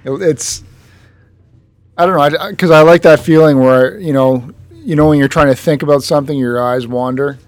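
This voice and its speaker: A man's voice: on the high side, moderate pace, no room sound. Laid-back male podcast host. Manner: loose, joking, swears casually. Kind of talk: casual chat.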